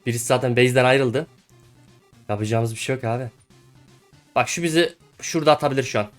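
Young man, gameplay commentary, fast talker, faint music underneath, yells at teammates. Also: mid-range voice. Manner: excitable, shouts and laughs at teammates. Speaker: gaming YouTuber.

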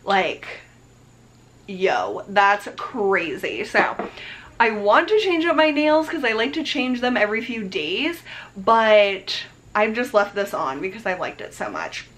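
A woman's voice: mid-range voice, very animated, slow pace, a bit bright. Chatty young woman beauty vlogger. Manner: chatty, bubbly, many fillers and laughs. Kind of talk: casual chat to camera. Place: bedroom indoors, later outdoors on a porch.

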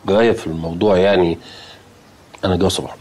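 Middle-aged Egyptian comedy dad, husky, doting, wheedling and evasive. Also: male voice, low-pitched, fairly even intonation, very fast, a little mellow, rough recording. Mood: nervous, evasive. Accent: Egyptian Arabic. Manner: coaxing, evasive, stalling. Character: sheepish, wheedling doting father afraid of his daughter. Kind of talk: TV comedy acting.

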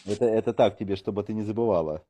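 Lowish mellow-voiced guy, rambly recruiter chat, lots of um and like. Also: very fast, slight background noise. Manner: rambling, full of fillers and joking asides. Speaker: recruiter for online hosts. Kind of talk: casual phone chat.

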